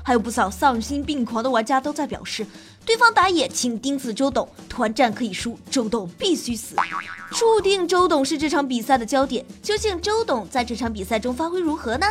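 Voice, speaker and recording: Over background music, a woman who hosts game shows and streams reads scripted gaming narration in a high, very animated, brisk voice. Her delivery is playful and dramatic, like telling a story.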